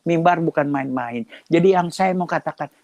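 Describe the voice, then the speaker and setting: A man's voice: normal speed, gravelly, highs cut off. A middle-aged man, a pastor giving a testimony sermon and acting out dialogue as he tells his story. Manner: lively storytelling, acts out dialogue with shifting pitch.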